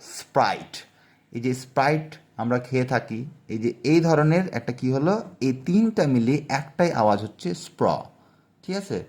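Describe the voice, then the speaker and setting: A man's voice: mid-range voice, a little mellow. A man teaching English phonics, spelling out letters one by one and often checking that students follow. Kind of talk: spoken phonics lesson.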